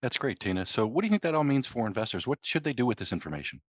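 A man's voice: medium pitch, sing-song, racing, breathy edge, no room sound. A man speaking as a podcast host, with scripted-sounding lines. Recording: dry, slightly dull lo-fi audio.

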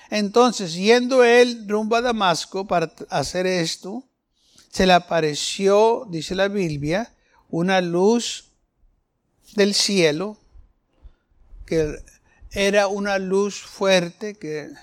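A man preaching a sermon in an emphatic style, with questions that rise sharply. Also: high voice.

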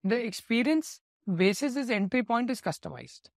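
A man's voice: very high voice, lively intonation, moderate pace, creaky, no echo, clean studio sound. A man with an Indian English accent answering business interview questions in an explanatory way, sometimes correcting himself mid-sentence. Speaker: company executive, interview guest.

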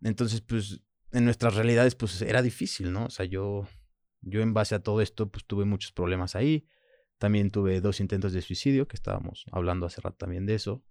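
A guest in his thirties gives a personal interview in a very deep, steady, slightly mellow voice, speaking with a Mexican Spanish accent even though French was his first language. He's reflective and halting, often dropping "pues" and "¿sabes?" between thoughts. The sound is close and dry, with no echo or room around it.

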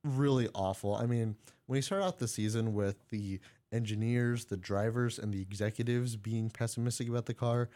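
A man's voice: medium pitch, steady tone, normal speed, few pauses, dark tone. Casual podcast co-host, male, jokey, laughs through his lines, rambling delivery. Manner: joking, laughs mid-sentence, rambling. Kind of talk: casual sports chat. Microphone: studio mic.

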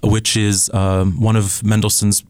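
A man's voice: fairly low pitch, flat delivery, measured pace, a little mellow, dry recording. A man in his thirties, born in Scotland and raised in Switzerland, talking eagerly as a guest in a casual radio studio interview. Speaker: conductor candidate, interview guest.

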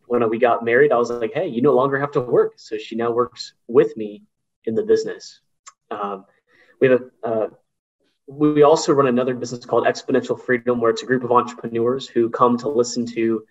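A young adult man co-hosting a podcast, introducing himself in a relaxed, modest way with hesitant fillers. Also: medium pitch. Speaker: podcast co-host. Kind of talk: casual self-introduction. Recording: dull lo-fi sound.

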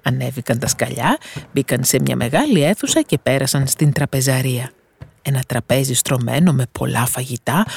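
A woman storyteller giving a scripted fairy-tale narration in a calm, measured way. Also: a bass voice, slightly rough, no room sound, clean studio sound.

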